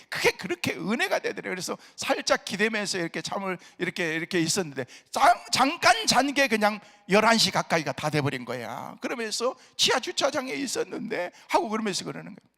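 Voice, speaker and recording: Male pastor, middle-aged, bright gravelly high voice, lively storytelling sermon. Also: in a large hall. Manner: animated storytelling, acts out both sides of an argument. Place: prayer retreat center chapel.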